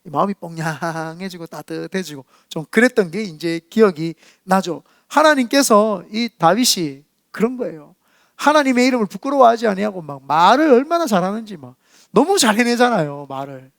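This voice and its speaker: Animated pastor. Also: male voice, high-pitched, moderate pace, vocal fry, dry recording, clean studio sound. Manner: animated, acts out quoted voices. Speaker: senior pastor. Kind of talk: storytelling sermon. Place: church sanctuary.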